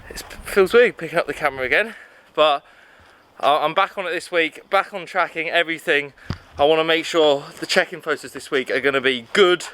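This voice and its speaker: A man's voice: on the high side, brisk, pushed and bright, a little hiss or hum. A man chatting casually to his camera as a fitness vlogger, upbeat and loose, with plenty of fillers. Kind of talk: casual vlog chat. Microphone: handheld camera.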